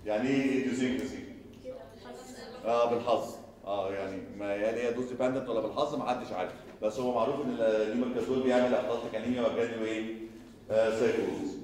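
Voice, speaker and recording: A male surgery lecturer with an Egyptian Arabic accent who talks quickly, repeats himself and quizzes his students with rhetorical questions. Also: mid-range voice, fairly even intonation, darkish tone. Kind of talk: recorded lecture. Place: lecture hall. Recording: echoey lecture hall from far off.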